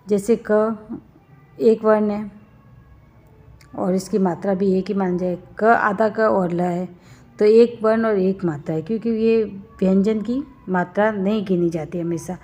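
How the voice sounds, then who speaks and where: A woman's voice: medium pitch, steady tone, a little slow, warm tone. A woman teaching a grammar lesson, explaining each step and asking questions as she goes. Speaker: Hindi teacher. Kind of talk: classroom lesson on Hindi grammar. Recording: dull, slightly lo-fi recording.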